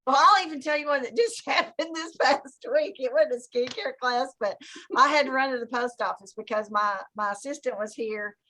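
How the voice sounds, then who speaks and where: A woman with a high, bright voice tells funny stories over a video call. She is animated, laughs often and puts her own thoughts into a squeaky high voice. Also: moderate pace. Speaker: guest telling stories. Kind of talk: casual storytelling on a video call.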